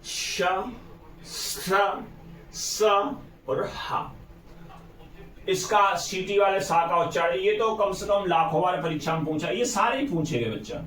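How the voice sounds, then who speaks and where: A man's voice: high voice, normal speed, hardly any pauses, a bit bright, slight background noise. A male teacher giving an exam-prep lesson, asking his students questions and then answering them himself. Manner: call-and-response questioning. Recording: echoey room, far from mic.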